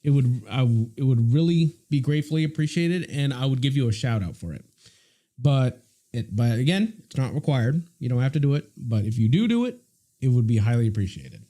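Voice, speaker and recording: A man's voice: medium pitch, sing-song, a little fast, warm tone. A man from the United States, chatting casually on a live stream and answering viewer messages.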